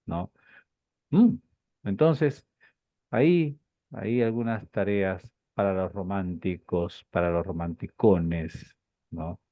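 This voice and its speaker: A man teaching a Bible class, lively and rhetorical, with lots of repeated phrases and questions to his students. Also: low-pitched, slow pace, dry recording. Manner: animated, rhetorical questions and repetition. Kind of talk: class lecture. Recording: dull lo-fi dry recording.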